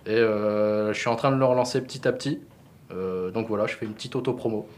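A man speaks as a guest on a relaxed podcast. He talks in a halting way, full of fillers and pauses, as he plugs his own blog. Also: fairly low pitch, a crowd in the background. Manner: hesitant, many fillers. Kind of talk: casual podcast chat.

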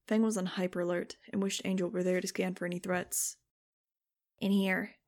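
A woman reading an audiobook aloud in steady scripted narration. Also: on the low side, fast talker. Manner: steady, even storytelling.

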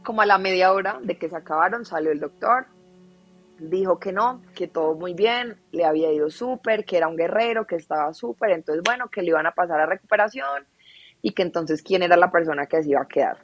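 A woman's voice: fairly low pitch, lively intonation, brisk. Woman telling a sad family story on a podcast, little laughs here and there, kinda dull audio, faint music behind. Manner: emotional, recounting at length, laughs through sad moments. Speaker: guest. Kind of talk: personal storytelling in a podcast interview.

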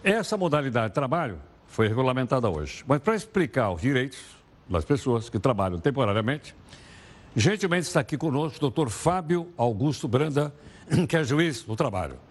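A man's voice: mid-range voice, very animated, moderate pace. A man presenting the news in a casual, chatty way, asking viewers rhetorical questions.

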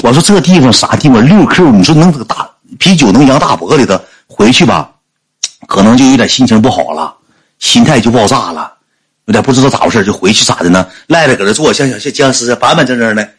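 A man's voice: mid-range voice, quick pace, husky. A man with a Northeastern Chinese accent telling a funny anecdote on a livestream and acting out the people in it. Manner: animated, acts out the people in his story. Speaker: storyteller. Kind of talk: comic anecdote storytelling on a livestream.

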